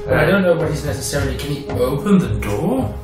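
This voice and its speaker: Excitable guy playing a tabletop game, voice jumps around, echoey, loud music over him. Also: fairly high pitch, brisk, distant mic. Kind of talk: casual game-table chat.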